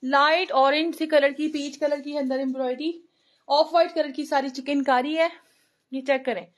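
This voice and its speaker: High-voiced Pakistani woman selling clothes live. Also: steady tone. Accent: Pakistani Urdu. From Lahore, Pakistan. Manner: brisk, chatty, reeling off sizes and prices. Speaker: online clothing seller. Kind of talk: live-stream sales patter.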